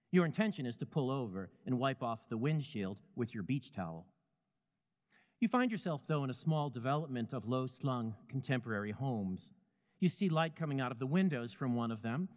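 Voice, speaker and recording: Man storyteller, measured and vivid, pitch moves around a lot, long echoey hall. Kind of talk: scripted second-person narration.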